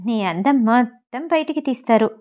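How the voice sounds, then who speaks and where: Brief: a woman doing a joking, tough young bodyguard woman in an audiobook, warm tone. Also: fairly high pitch, animated, moderate pace, close to an everyday voice. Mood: teasing. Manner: teasing, joking.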